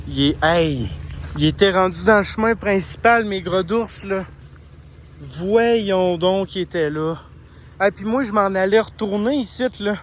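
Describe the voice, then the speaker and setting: A man with a Québécois accent talks slowly in a casual outdoor vlog, his voice sitting a bit high as he rambles and swears. Outdoor ambience and distant vehicles come through clearly behind him on the handheld recording. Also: a little hiss or hum. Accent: Québécois French. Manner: swears often, rambling and breathless while searching. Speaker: outdoor vlogger. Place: outdoors in gravel pits and woods.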